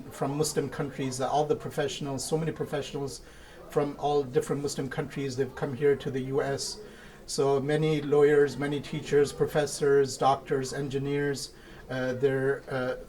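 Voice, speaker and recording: A man from India, an imam, answering interview questions in a measured way and laying out his points one by one. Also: medium pitch, darkish tone, slight background noise. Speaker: imam of a mosque.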